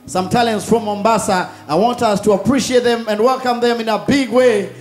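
A man hosting a live comedy show, hyping the crowd loudly in a mix of languages. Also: sits high, fairly even intonation, brisk. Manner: loud, hyping the crowd, mixing Swahili and English. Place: large outdoor concert stage with cheering crowd. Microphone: handheld mic. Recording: live stage mic over music and crowd.

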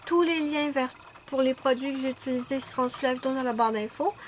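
A woman's voice: sits high, fast, slight background noise. A woman narrating a nail art tutorial in a chatty, step-by-step way. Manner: chatty, explains step by step with fillers.

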